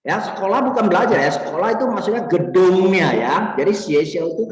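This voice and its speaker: A man teaching Mandarin vocabulary, explaining each word slowly and adding "ya" to check understanding. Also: high voice, animated. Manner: slow, explanatory, frequent "ya" tags. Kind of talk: vocabulary lesson. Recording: echoey room, voice a bit distant.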